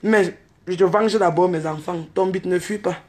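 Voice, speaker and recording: A woman, telling a story in an animated, unscripted rant to camera and mixing in street slang. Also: on the low side, moderate pace. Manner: exclaims and calls out to others. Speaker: online video host.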